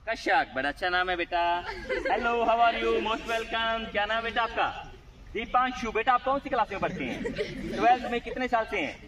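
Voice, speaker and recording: A man's voice: sits high, rough recording. A man with a Haryanvi accent performing a live magic show for students, coaxing and teasing his volunteers. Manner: coaxing, teasing, calls everyone "beta". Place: outdoors at a school gathering. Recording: outdoor crowd noise around the voice.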